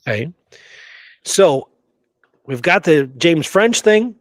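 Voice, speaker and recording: A podcast co-host in a casual history discussion speaks emphatically, often checking in with "right?". His voice is a little high and very animated, with a slow pace and no room sound.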